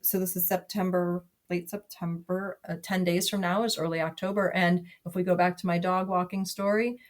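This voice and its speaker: A woman's voice: fairly low pitch, little pitch movement, moderate pace. A woman talking casually as a podcast guest, chatty, with lots of fillers and restarts. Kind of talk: casual conversation.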